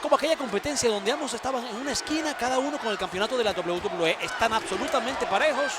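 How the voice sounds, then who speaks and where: High-voiced emphatic man, wrestling color commentator. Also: quick pace. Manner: emphatic, repeats phrases for effect. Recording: noisy arena crowd. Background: arena crowd.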